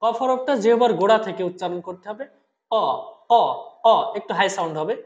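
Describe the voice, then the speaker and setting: A patient teacher explaining Arabic letter pronunciation step by step, drawing each sound out slowly and asking listeners to repeat. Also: mid-range voice, roomy sound, dull audio. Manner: slow, drawn-out demonstrations of each letter sound. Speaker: Quran recitation teacher.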